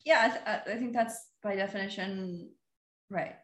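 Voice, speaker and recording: A woman's voice: medium pitch, normal speed, fairly bright tone, echoey room. A woman appearing as a podcast guest, telling stories in a chatty, easily amused way. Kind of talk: casual chat.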